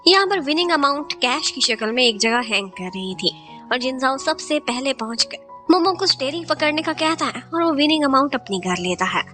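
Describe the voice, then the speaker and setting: A woman's voice: high voice, lively intonation, a little fast, sharp tone, soft background music. A woman narrating a recap of a drama, retelling each scene in Hindi sprinkled with English words. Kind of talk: scripted storytelling recap.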